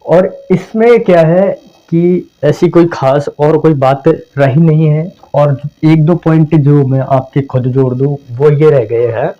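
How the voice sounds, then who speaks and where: A slightly high male voice, steady in tone, takes its time. The teacher delivers a conversational exam-prep explanation, going back over points and acting out phrasings to show meaning, on a dull lo-fi home recording.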